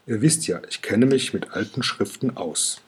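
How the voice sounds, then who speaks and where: A man voicing an earnest, insistent male dragon scholar in a storybook reading, with a very husky voice. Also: on the low side, animated, normal speed.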